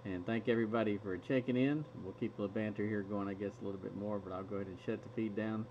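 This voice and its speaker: A man's voice: on the low side, fairly even intonation, quick pace. A man hosting a radio hobby stream, chatting casually and laughing often between stories. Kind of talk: casual chat. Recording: muffled lo-fi recording, faint hiss.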